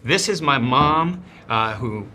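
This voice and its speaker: A restaurant owner and chef who grew up in a snowy region chats as a guest in a casual conversation. His mid-range voice is animated, bright, and forceful, and he talks enthusiastically in quick bursts, often restarting sentences, over a little hiss or hum.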